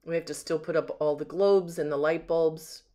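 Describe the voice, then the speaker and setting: A home sales agent walks through an empty house with a handheld camera, giving casual, unscripted narration that admires and describes each item in turn indoors. The voice has medium pitch, fairly even intonation, normal speed, and a dark tone.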